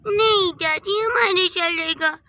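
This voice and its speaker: Small squabbling grandchildren in a cartoon tale, put on by a woman, whiny and insistent. The voice is very high and bright and sounds dry and close. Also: unhurried, dry recording, full character voice. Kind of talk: cartoon voice acting.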